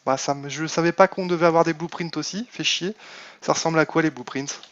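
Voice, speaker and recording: A man's voice: fairly high pitch, steady tone, brisk, a bit bright, lo-fi sound. A man casually commenting on his live game stream, thinking aloud with many fillers and answering chat. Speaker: Minecraft modpack streamer.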